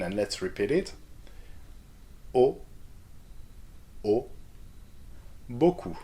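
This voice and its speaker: A man's voice: on the low side, a little mellow. A man teaching a beginners' pronunciation lesson in an instructional way, often checking in with his listeners. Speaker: French language teacher.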